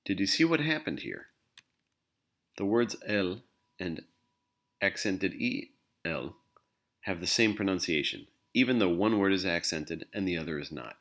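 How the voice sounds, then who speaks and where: Male language teacher, very low voice, patient scripted explainer. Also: animated, measured pace, long pauses, fairly bright tone. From English-speaking country. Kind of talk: scripted instructional narration.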